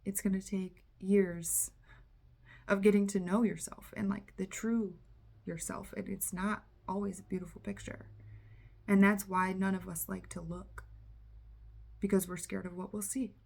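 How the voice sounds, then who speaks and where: Woman, tarot reader, spiritual coach, casual channeling talk, candid, earnest, animated, casual swearing, mid pitch. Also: unhurried, creaky. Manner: animated, acts out inner voices.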